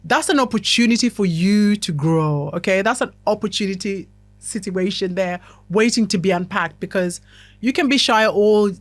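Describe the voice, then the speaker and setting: Woman podcast host, chatty motivational talk, mid-pitched voice, dry close sound. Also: normal speed, dry recording. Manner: chatty, self-described chatterbox, keeps checking in with "okay?". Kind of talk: motivational self-help talk.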